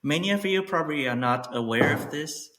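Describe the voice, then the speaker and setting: A man in his forties from Taiwan, a native Mandarin speaker, chatting as a podcast guest in a relaxed way with many fillers. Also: fairly high pitch, brisk. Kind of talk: casual interview chat. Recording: echoey room.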